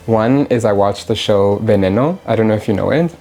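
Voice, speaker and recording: A woman in her thirties, born in Mexico and raised in Canada, is a drag performer being interviewed casually at her home. Her voice is rumbling and low with a dark tone, and she talks briskly, chattily and candidly, laughing easily.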